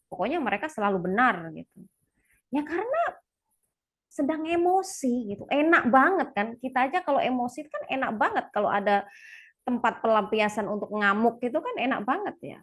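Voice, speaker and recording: A woman speaking to a live audience in a casual, confiding way, with a voice that sits fairly high. She is chatty and laughs often. She acts out quoted lines by jumping to a sudden, much higher voice. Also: animated, fairly quick. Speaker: speaker sharing parenting experience.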